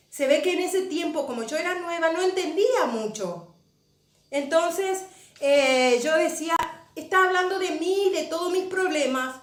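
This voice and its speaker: A woman pastor giving an emotional testimony sermon, often repeating phrases for emphasis. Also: high voice. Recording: echoey room.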